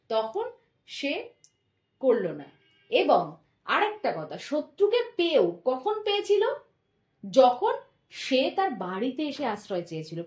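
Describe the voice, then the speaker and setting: Lively high-voiced woman teacher. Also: roomy sound. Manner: patient, drawn-out demonstration of words. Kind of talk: explaining a class lesson.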